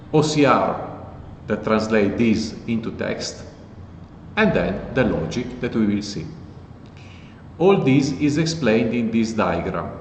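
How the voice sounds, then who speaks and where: Low-voiced man explaining code casually. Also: dull audio. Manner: relaxed, plain explanatory talk. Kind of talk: casual tech tutorial. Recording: echoey with long reverb and faint noise.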